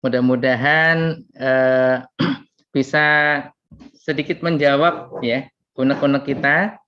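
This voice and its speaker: Man, moderator, flat even tone, dull lo-fi audio. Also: medium pitch, slight background noise. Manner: measured and polite. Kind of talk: formal closing thanks. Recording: dull lo-fi sound.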